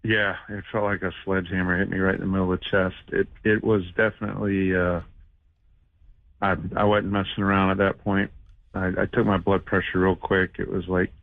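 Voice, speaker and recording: Low-pitched man on a dry phone line. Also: level tone, a little fast, gravelly, no echo. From United States. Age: 50s. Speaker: radio show call-in guest, shoemaker. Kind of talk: casual personal storytelling. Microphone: telephone. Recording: muffled band-limited phone call.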